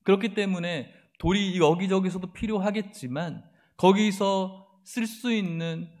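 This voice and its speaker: Male pastor, sermon, slightly high voice, rhetorical questions, acts out mocking taunts. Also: measured pace, darkish tone. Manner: voices mocking taunts of the enemies in a sharper, higher tone; emphatic rhetorical questions to the congregation.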